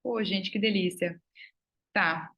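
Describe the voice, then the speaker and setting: A young woman with a Brazilian Portuguese accent hosts a live online class, chatting in an upbeat, informal way. She reads viewers' questions aloud and answers each one with easy warmth of tone, her voice sitting at an ordinary middle pitch. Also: fairly even intonation, slow pace, highs cut off. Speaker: child psychology course instructor.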